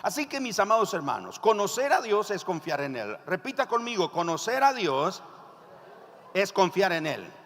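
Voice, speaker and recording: A male pastor with a Nicaraguan accent preaching a sermon, telling stories in an animated way and leading the congregation in repeating phrases. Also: high voice, moderate pace. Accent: Nicaraguan Spanish. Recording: reverberant church hall.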